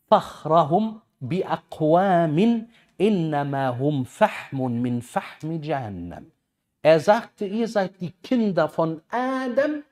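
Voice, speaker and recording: A man in his thirties giving a lively sermon on a headset mic, swinging between loud bursts and quiet asides. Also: high voice. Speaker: preacher.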